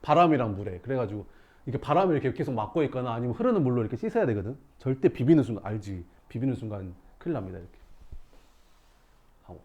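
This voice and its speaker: Male teacher, young adult, class storytelling, lively voice, acts out scenes, mid pitch. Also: fast talker, lo-fi sound. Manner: animated, acts out scenes with shouts and sound effects. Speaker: math teacher.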